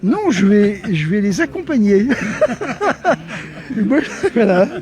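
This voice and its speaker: An older man from Lozère answers a reporter's questions at an outdoor market. His voice is high and mellow, and he hesitates often, restarting his sentences. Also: sing-song. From Lozère, France. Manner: halting, with many fillers and restarts. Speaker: market shopper interviewed.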